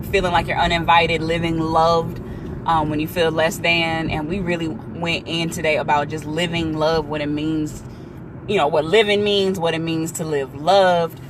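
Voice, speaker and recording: A young woman, chatting excitedly in a casual live video about her church class and business, full of likes and ums. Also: fairly low pitch, noisy background.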